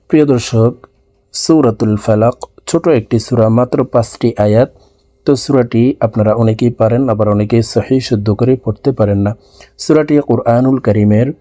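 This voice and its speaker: A man with a Bangladeshi Bengali accent teaching Quran recitation word by word, drawing out the recited words and then explaining the rules more briskly. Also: medium pitch, warm tone, no echo. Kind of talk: slow recitation lesson.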